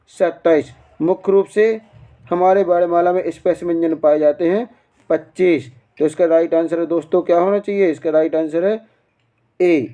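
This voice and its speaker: A man's voice: high voice, dark tone, lo-fi sound. A man teaching an exam-prep grammar lesson, posing quiz questions, answering them himself and repeating the key answers. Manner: quizzing, repeats answers, asks and answers own questions.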